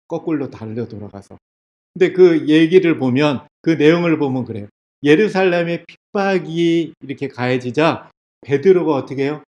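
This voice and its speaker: An older male church elder gives a sermon lecture in a higher-than-usual voice. He keeps turning to his listeners with questions as he retells a story, and he slips into dramatic voices for the people in it. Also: darkish tone. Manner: asks the audience questions and acts out quoted voices.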